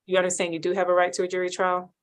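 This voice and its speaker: A woman judge with a low voice moves quickly through a court hearing, heard on a courtroom recording. She is brisk and formal and reads the set procedure by rote. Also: completely flat delivery.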